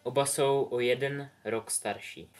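Man calmly narrating a story. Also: medium pitch. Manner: calm, measured reading. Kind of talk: audiobook narration with voices. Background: soft music.

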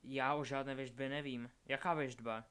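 A man's voice: mid-range voice, fairly even intonation, fairly bright tone, smooth, natural voice. A man voicing an anxious, loyal teenage boy wizard. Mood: puzzled.

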